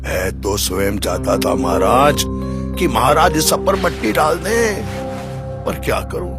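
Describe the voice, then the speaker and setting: An actor playing a scheming, lame brother-in-law who talks with sly, mock sympathy in an audio drama. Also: male voice, mid-range voice, lively intonation, unhurried, vocal fry. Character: scheming crippled middle-aged brother-in-law. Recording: music bed underneath.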